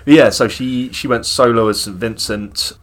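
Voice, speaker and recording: A man's voice: medium pitch, moderate pace. A man co-hosting a podcast, chatting about music in an enthusiastic, opinionated way. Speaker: podcast co-host. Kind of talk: casual music chat.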